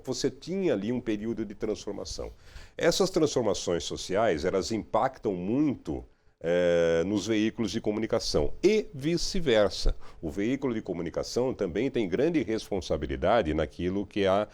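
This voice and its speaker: Middle-aged man, very low voice, lively intonation, reflective interview talk. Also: normal speed. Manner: reflective, frequent "né?" tags. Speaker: radio and TV journalist. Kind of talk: relaxed interview conversation.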